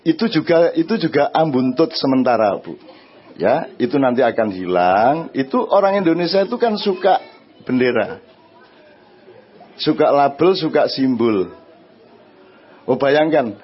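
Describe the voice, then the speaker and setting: A man with an East Javanese accent speaking to an audience. He answers their questions in a lively, conversational way and often asks them "right?". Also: medium pitch, measured pace, pauses often, lo-fi sound. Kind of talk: religious and social talk before an audience.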